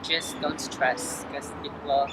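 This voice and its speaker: A young woman from the Philippines answering interview questions outdoors, halting and full of fillers and restarts. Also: rumbling low, fairly even intonation, heavy background noise. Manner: hesitant, lots of fillers and restarts. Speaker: interview guest. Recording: music playing clearly behind.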